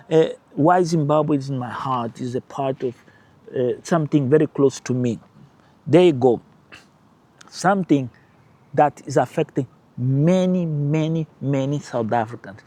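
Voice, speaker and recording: On his own channel, a native Portuguese speaker with a Portuguese-speaking accent offers animated, emphatic political commentary with short bursts of laughter. His voice is on the high side.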